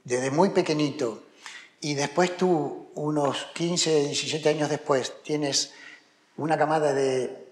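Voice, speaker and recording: A man's voice: fairly high pitch, steady tone, slow. A middle-aged man from Argentina with an Argentine Spanish accent, a tennis coach answering interview questions hesitantly, with many fillers and restarts, growing emphatic. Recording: echoey room with long reverb.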